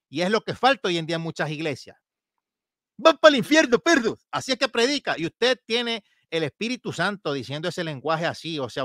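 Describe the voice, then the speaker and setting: Sharp, combative preacher man. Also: sits high, no echo, clean studio sound. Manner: combative, scolding, mocking. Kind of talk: sermon-style commentary.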